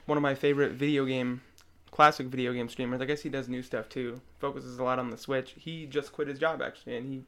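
A man's voice: medium pitch, steady tone, fast. A man chatting as a podcast guest in an easygoing, matter-of-fact way. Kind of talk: casual chat.

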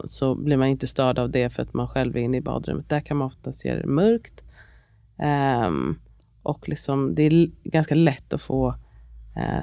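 Gravelly, blunt woman, dry sound. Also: very deep voice, dark tone, dry recording. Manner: blunt, swears casually, gives practical tips. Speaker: podcast co-host. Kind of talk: casual chat.

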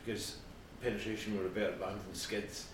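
A man's voice: lowish voice, level tone, a little fast. Middle-aged male podcast co-host, natural unscripted rambling talk, very echoey and distant from the mic. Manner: rambling, conversational. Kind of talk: natural unscripted casual chat about music. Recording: very echoey room, distant mic, faint noise.

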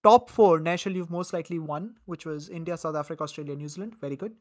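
A man's voice: on the high side, fast talker, darkish tone. A man hosting a casual podcast, chatting loosely and laughing often as he reads out the picks. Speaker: podcast host. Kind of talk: casual cricket podcast chat.

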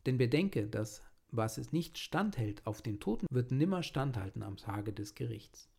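Guy reading a sermon, mellow dark voice, earnest and pleading. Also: mid-range voice, sing-song, normal speed, creaky, husky.

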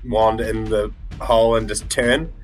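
A man's voice: on the low side, flat delivery, unhurried. Hesitant man playing a tabletop game. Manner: hesitant, full of ums and likes. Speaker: player. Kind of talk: casual tabletop game play.

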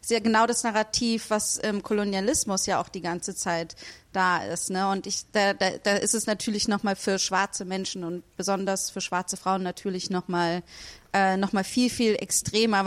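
A woman's voice: mid-range voice, steady tone, normal speed. A woman co-hosting a podcast who speaks thoughtfully, searching for words with many fillers. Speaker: podcast co-host. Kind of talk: casual discussion.

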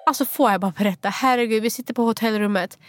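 A young woman from Sweden co-hosting a podcast, telling stories in a lively, animated way. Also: on the high side, faint music behind. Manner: lively storyteller, animated retelling. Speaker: podcast co-host. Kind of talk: casual chat.

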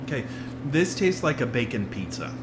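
Lively, expressive casual co-host. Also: mid-range voice, background noise. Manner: expressive, quick to react, crude. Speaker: podcast co-host. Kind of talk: casual chat, food tasting.

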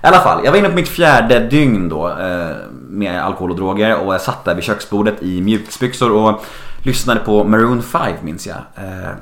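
A man telling a personal story in casual talk, animated and swearing freely. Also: lowish voice, reverberant.

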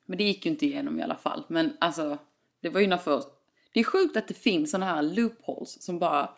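A woman's voice: sits low, creaky. A young woman in casual chat, full of fillers and quoted exchanges. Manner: chatty, frequent fillers, acts out quoted exchanges.

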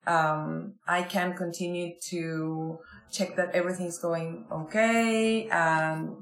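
A woman from Argentina talking as a guest in a casual interview, unhurried and laughing often. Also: lowish voice, fairly even intonation, reverberant. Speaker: guest designer.

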